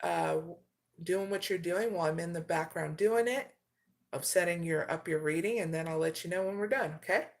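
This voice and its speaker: A woman with a slightly low voice reads oracle cards for her viewers. She talks them through each message and tags most lines with "okay?". When she reads out the card names, she slows right down. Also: gravelly. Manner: keeps adding "okay?" to her sentences; slow and deliberate when reading card names. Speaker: tarot reader.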